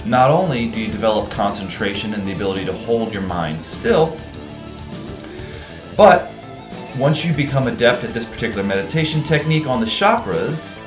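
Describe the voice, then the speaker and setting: Man, middle-aged, meditation teacher, lively swooping pitch, casual rhetorical questions, faint music behind. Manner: relaxed, conversational, asks rhetorical questions. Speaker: meditation teacher and group admin. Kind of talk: casual livestream meditation talk.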